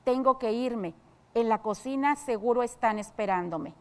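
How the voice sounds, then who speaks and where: A teacher voicing a household servant from a play, read aloud as a dramatized reading. Her voice sits a bit high for a woman, and the reading stays close to her own plain speaking voice. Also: moderate pace, a little mellow, natural voice. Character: female household servant in a play, eager to leave.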